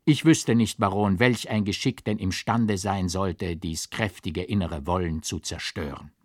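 A man's voice: sits low, a little slow, dry recording, studio quality, voice pushed down. A man reading the part of an earnest old man in an audiobook, coaxing and pleading, rising to fervent exhortation.

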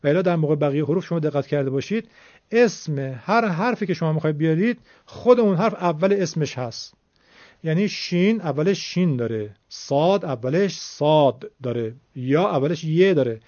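A man's voice: on the high side, animated, darkish tone, dry recording. Patient man teaching recitation, dry dull sound. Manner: formal, patient, explaining step by step. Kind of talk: classroom-style explanation.

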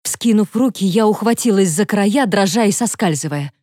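Woman, audiobook narration, first person, steady, expressive, dry studio sound. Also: mid-range voice, normal speed, no echo.

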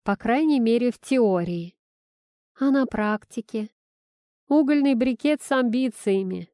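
A woman's voice: a little high, lively intonation, measured pace, dark tone, clean tone, no room sound, studio quality, voice pushed up. A woman reading the part of a flustered, well-meaning father who is new to parenting and jokes at his own expense. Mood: sheepish. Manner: wry, sheepish, self-deprecating.

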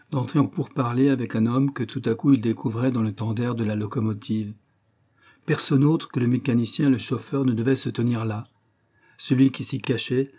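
A man narrating a novel as an audiobook in a measured, dramatic reading. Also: mid-range voice, warm tone, husky. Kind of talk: scripted narration.

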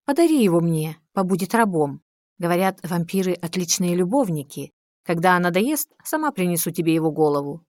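A seductive, cruel queen with a soft, rustling voice and a capricious drawl, as a woman reads her in an audiobook. The sound is dry and close. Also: lowish voice, very animated, a little fast, no echo.

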